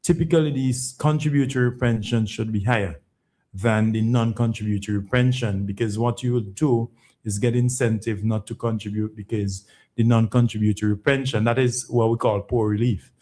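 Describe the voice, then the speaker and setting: A man's voice: on the low side, fairly even intonation, normal speed, dark tone. A man speaking as an executive guest on a phone-in, explaining policy emphatically, repeating words and often checking with a questioning tag. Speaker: pension fund chief executive, programme guest.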